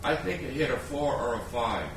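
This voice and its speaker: A man's voice: mid-range voice, lively intonation, normal speed, gravelly. A middle-aged man, a former missionary, telling a reflective story to an audience. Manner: earnest, storytelling. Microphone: distant room mic. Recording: very echoey, distant, hissy.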